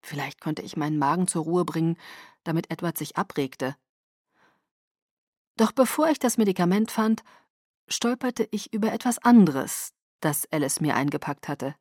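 A woman narrating an audiobook in the first person with a calm, measured reading. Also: lowish voice, no room sound, clean studio sound.

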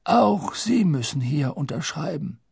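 A man voicing a calm, wry old male headmaster who speaks politely with quiet amusement, in an audiobook. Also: on the high side, unhurried, creaky, husky, dry recording, studio quality, pitched above the performer's own voice, heavily acted.

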